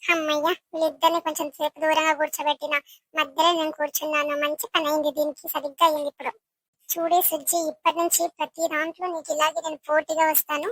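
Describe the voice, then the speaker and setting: A woman's voice: high-pitched, flat delivery, fast talker, a bit bright, dry recording, low-quality recording. A woman voicing a jealous, scheming young girl cousin in a village comedy skit, taunting and gloating.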